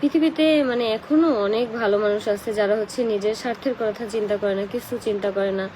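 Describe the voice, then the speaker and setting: A woman's voice: medium pitch, little pitch movement, quick pace, dark tone, slight background noise, poor audio. A young woman with a Bangladeshi accent, crying and emotional as she chats casually on a live stream and answers comments. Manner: tearful, emotional, crying talk. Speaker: live streamer who does paid promotions.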